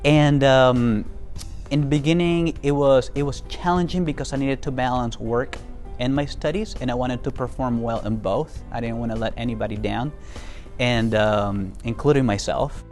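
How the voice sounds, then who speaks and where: A man's voice: mid-range voice, steady tone, moderate pace, darkish tone, soft background music. A young man from Venezuela giving an interview about his work as a diplomat, talking earnestly with many fillers and restarts. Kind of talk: casual interview talk.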